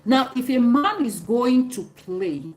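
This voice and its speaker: A woman's voice: a little high, lively intonation, a little slow, a little mellow, rough recording. A woman from Cameroon with a Cameroonian accent, streaming live and answering viewer comments in an emphatic, repetitive, preachy way. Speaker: livestreamer.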